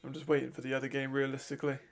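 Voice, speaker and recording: A man's voice: medium pitch, completely flat delivery, very fast, gravelly. A man giving casual, chatty live commentary while watching a football game, laughing often and trailing off mid-thought.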